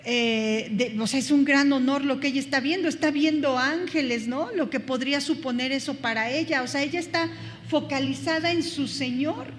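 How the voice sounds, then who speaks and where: A woman's voice: high-pitched, normal speed, in a large hall. A woman teaching a Bible study class, thinking aloud with many fillers and restarts.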